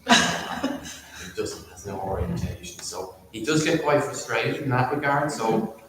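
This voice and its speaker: A man's voice: medium pitch, expressive, a bit bright, slight background noise. A man piano teacher telling a story on a panel, restarting and repeating words and laughing as he goes. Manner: halting, repeats words, laughs while talking. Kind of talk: panel discussion. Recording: distant mic in an echoey hall.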